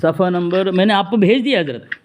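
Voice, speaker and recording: A man's voice: high voice, darkish tone, slight background noise. A man in a theological debate over a phone call, insistently pressing his opponent for answers while staying formally respectful. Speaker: religious debater.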